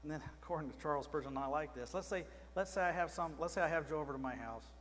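Soft music plays beneath a fast, slightly high and somewhat bright male voice as a middle-aged man preaches in a small church. He chats with the congregation and asks them questions from the pulpit, heard through a pulpit microphone in a reverberant space with faint mains hum.

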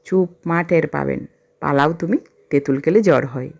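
A woman's voice: low-pitched, moderate pace, creaky, a little mellow, pitched below the performer's own voice. Brief: a young wife, teasing scold, read by a woman storyteller; dull lo-fi audio. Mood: hushed. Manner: mock-scolding. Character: young village wife, mock-scolding and shy.

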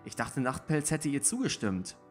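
A man's voice: mid-range voice, sing-song, normal speed, soft background music, lightly acted. A man voicing an outspoken, puzzled young tomcat warrior in a storybook reading.

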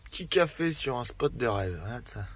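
A man's voice: mid-range voice, expressive, moderate pace, slightly rough. A man vlogging casually outdoors by a campfire, talking in slang and swearing freely as he rambles. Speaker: van-life vlogger. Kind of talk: casual vlog chat.

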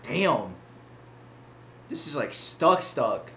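A man's voice: medium pitch, very animated, very slow, a bit bright. A young man hosting a casual livestream, teasing his co-host and thanking viewers for donations. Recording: echoey room, faint noise.

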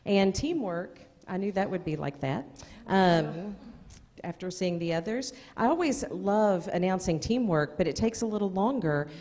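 Speaking expressively at a moderate pace in a mellow, mid-range voice, a middle-aged American woman from the school district announces award nominees at a podium. She reads names with offhand asides; a gooseneck microphone captures her in an echoey indoor meeting hall with long reverb.

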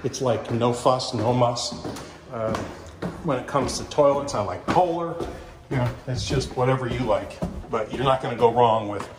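With a noisy background behind him, a middle-aged Kentucky man who sells real estate walks an empty house with his phone camera, inside and briefly outside. He speaks at a normal speed in a medium-pitched voice. His casual commentary is folksy and chatty, with salesy asides and restarts.

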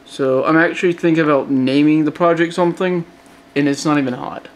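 Brisk and fairly high-pitched, with fairly even intonation, a hobbyist phone modder gives a casual vlog update late at night. He has a light Southern accent from Georgia and rambles, restarting often and filling gaps with fillers.

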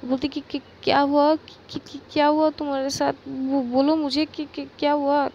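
A woman voicing a worried young woman who fires off urgent, repeated questions to calm her partner. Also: high voice, rapid-fire, dull audio, slight background noise, voice pushed up. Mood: alarmed.

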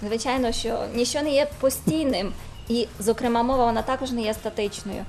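A woman lecturer on a studio interview panel, speaking in a measured, formal way with small hesitations. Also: on the high side, darkish tone, slight background noise. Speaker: language lecturer.

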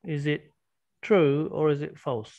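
A man's voice: on the high side, slow, gravelly, a little mellow, no echo, muffled recording. A man teaching an online English class, patiently prompting students with questions over a video call.

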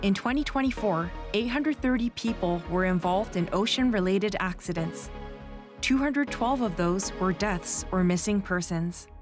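A woman giving calm, measured scripted narration for a documentary, with music underneath. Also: medium pitch. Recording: voice-over with music bed.

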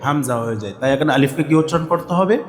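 A male Quran teacher drilling Arabic letters and vowel marks in a slow call-and-response lesson, asking questions and answering them himself. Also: a little high, lively intonation, roomy sound, big-room sound. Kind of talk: online Quran alphabet lesson.

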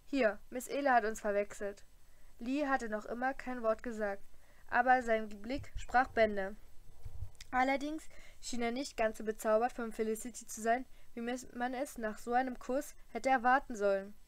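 A woman's voice: fairly high pitch, steady tone, normal speed. Woman reading an audiobook aloud. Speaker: audiobook reader. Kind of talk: first-person audiobook narration.

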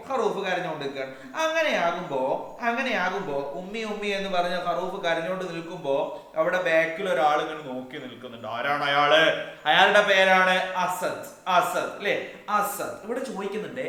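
A playful man runs an exam revision lesson for small children, and he keeps asking them questions. His voice sits high and bright. The room around him rings with a strong echo. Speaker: teacher.

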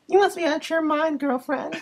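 A guy putting on a high sassy girl voice. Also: vocal fry, full character voice. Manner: sassy, mock-offended. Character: sassy young woman caller named Michelle. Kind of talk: prank call.

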